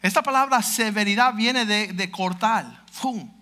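A man preaching a fiery sermon who speaks bluntly, cracks mocking asides and bursts into shouts. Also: high voice, unhurried. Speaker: pastor.

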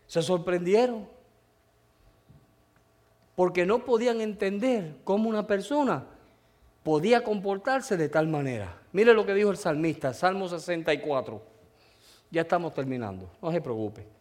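Male preacher, high-pitched voice, emotional storytelling sermon, calls out to the congregation. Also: expressive, moderate pace, pauses often, darkish tone.

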